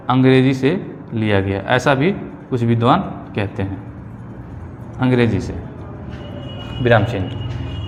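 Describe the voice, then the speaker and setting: A male teacher giving an exam-prep grammar lesson, repeating key phrases slowly and checking in with his students. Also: medium pitch. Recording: long reverb, faint ambient noise.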